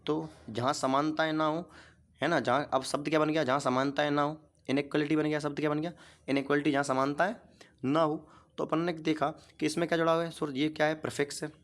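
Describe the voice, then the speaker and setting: A man's voice: fairly high pitch, little pitch movement, fast. A man teaching a grammar lesson. He explains step by step, keeps asking short questions and answers them himself. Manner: asks questions and repeats the answers.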